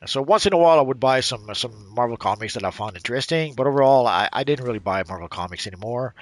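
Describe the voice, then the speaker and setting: A middle-aged gaming channel host from Quebec, Canada, with a mixed Quebec French accent, chats while playing a game. He is hesitant and rambling, full of fillers and restarts, and his medium-pitched voice is fairly bright, recorded with no room sound.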